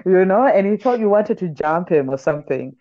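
A woman writer who is a podcast guest, chatting in a lively storytelling way and reading aloud from her book. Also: fairly low pitch, brisk, highs cut off.

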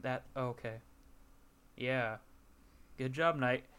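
A man's voice: medium pitch, slow, fairly bright tone, a little hiss or hum. A young man co-hosting a podcast in casual chat, mostly agreeing and adding dry quips. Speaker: podcast co-host.

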